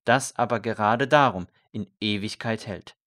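A man's voice: on the low side, slow, no echo, clean studio sound. A man voicing a fervent male priest who urges a condemned prisoner toward faith with earnest intensity.

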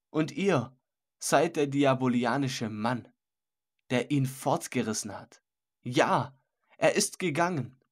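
A stern, sorrowful old man in an audiobook, read by a man in a slow, solemn delivery. His husky voice carries grave reproach. He sounds weighty and unhurried. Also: medium pitch. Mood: mournful. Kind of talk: audiobook character voice.

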